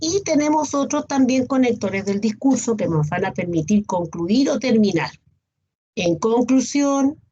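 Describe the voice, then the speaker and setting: A woman teacher with a somewhat high but dark-toned voice gives an online class, patiently listing examples and often checking in with her students. The video call audio sounds dull and lo-fi.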